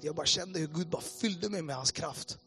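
A middle-aged man telling his testimony as a sermon, acting out past conversations with swings between loud bursts and quiet asides. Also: a little high, faint music behind. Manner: storytelling, reenacts conversations with a quoting "jag bara"; passionate, rises and drops sharply in loudness. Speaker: preacher giving his testimony.

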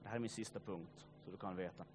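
A man preaching a sermon, swinging between loud urging and quiet, grave passages, with joking asides to the congregation. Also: sits low, fairly even intonation, background noise. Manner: joking asides, addresses listeners directly. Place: church meeting.

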